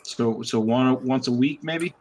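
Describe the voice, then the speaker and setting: A man playing a tabletop game, speaking casually and haltingly in character. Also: mid-range voice, noisy background. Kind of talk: casual in-character role-play.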